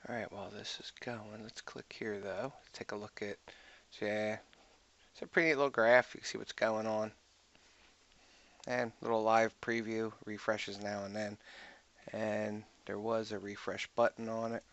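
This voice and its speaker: A man's voice: lowish voice, little pitch movement, normal speed, fairly bright tone, lo-fi sound. A man giving a casual screen-recorded tech walkthrough, thinking aloud and muttering to himself as he clicks. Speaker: IT tutorial host.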